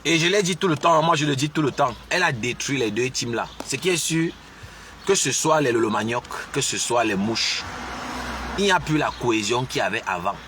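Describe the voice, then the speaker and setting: A man's voice: medium pitch, lively intonation, brisk, a bit bright, recorded from a distance, a little hiss or hum. A man giving opinionated live commentary, insisting on his points with repeated rhetorical questions.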